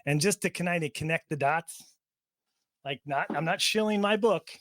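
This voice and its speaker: A man with a fairly high speaking voice hosts a fan podcast in loose, casual chat. He rambles through plenty of fillers and laughs often as he walks listeners around an online community. The sound is dry and close, with no room around it. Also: moderate pace, a bit bright, dry recording. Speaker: podcast host. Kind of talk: casual chat while touring a chat server on screen.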